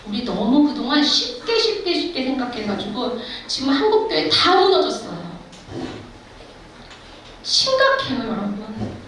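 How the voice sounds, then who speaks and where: A woman's voice: on the high side, sing-song, measured pace, fairly bright tone, a little hiss or hum. A middle-aged woman missionary giving an emphatic testimony sermon in a church, exhorting the congregation directly. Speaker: missionary preacher. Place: church sanctuary. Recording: echoey hall, far from the mic.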